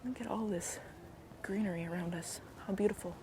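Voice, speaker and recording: Out on a park walk, this woman vlogs on a handheld gimbal camera, casually chatting and often lowering into soft asides. Her slightly deep voice is raspy and hoarse from a cold, brisk with fairly even intonation, amid background noise and faint outdoor ambience.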